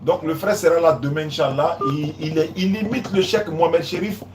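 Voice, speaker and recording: A man's voice: on the high side, moderate pace, a little mellow, reverberant, a little hiss or hum. A man hosting a live religious call-in, talking casually, repeating himself and often calling out to silent callers. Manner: repeats phrases, keeps saying "Inch'Allah" and "Allô?".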